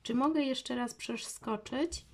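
A woman's voice: sits high, slow pace, voice pushed up, exaggerated voice. A woman voicing an anxious, chatty little girl in a children's storybook reading. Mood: pleading.

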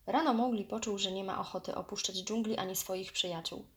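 A woman reading a children's storybook aloud in a lively, expressive way. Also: mid-range voice, brisk.

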